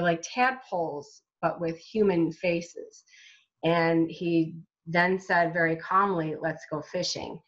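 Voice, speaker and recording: Halting woman author sharing her testimony. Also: lowish voice, a bit bright, dull audio. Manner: halting, with many restarts and fillers. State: recovering from a brain injury. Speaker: guest, self-published author. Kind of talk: personal testimony in an interview.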